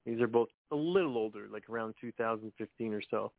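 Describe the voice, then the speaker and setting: A man calls in to a radio show by phone, chatting casually and laughing easily before reading his poems aloud. His voice is fairly low, gravelly and fast. It comes through a dry, tinny phone line with no echo.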